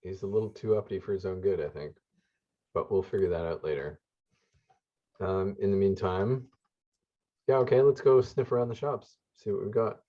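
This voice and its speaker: Low-voiced man over a dull, lo-fi line. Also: normal speed, long pauses. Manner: curious, rambling questions. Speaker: player. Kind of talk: casual tabletop play.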